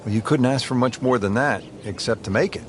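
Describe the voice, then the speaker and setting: A man playing a smooth golf play-by-play announcer. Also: mid-range voice, fairly quick, noisy background, close to an everyday voice. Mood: measured. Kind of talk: golf broadcast commentary.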